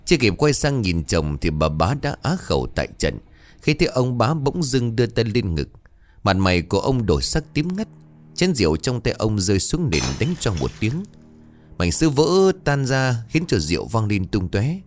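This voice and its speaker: Sex: man. Style: scripted ghost story narration. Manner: dramatic. Pitch: low-ish. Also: normal speed, faint music behind. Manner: dramatic, expressive reading.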